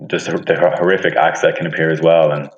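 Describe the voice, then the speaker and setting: Man guest, very low and monotone, earnest; dull echoey phone recording. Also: fast talker. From Ireland. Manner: earnest, thoughtful, speaks with conviction. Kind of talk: casual interview.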